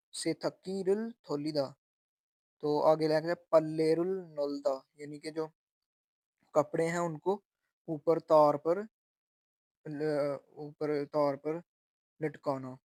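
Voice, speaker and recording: A man teaching textbook vocabulary, slowly repeating each word and its meaning. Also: on the high side, a little mellow, no echo, studio quality. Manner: slow and repetitive, spelling out sounds and meanings. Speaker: language teacher.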